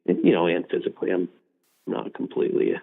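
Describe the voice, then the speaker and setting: A man's voice: low voice, sing-song, vocal fry. Easygoing man on a tinny phone line. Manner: reflective, easygoing, quick to laugh. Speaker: guest, mental health association director. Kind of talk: casual interview chat.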